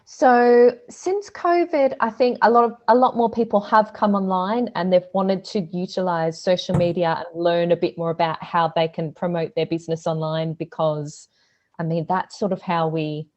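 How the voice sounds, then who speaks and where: Muffled recording of an Australian woman with a fairly low, slightly mellow voice, fairly even in intonation and at normal speed. As a guest on a casual podcast interview, this social media business owner chats freely, dropping fillers and laughing a lot.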